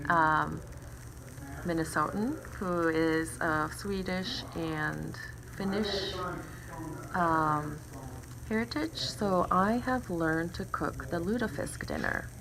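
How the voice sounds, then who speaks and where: Slow, hesitant woman from Japan. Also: on the low side, creaky, background noise. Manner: hesitant, many ums. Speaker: interviewee. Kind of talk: recorded interview.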